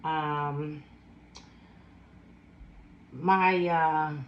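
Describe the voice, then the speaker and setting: Slow low-voiced woman in her fifties. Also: fairly even intonation, echoey room, lo-fi sound. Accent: Philadelphia. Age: 50s. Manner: slow, savoring, chatty with food sounds. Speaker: food vlogger. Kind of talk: casual eating chat.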